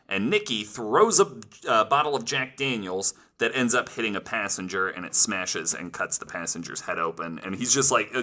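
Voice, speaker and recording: A podcast host with a lowish, sharp voice reads out researched stories, throwing in casual asides and plenty of "like."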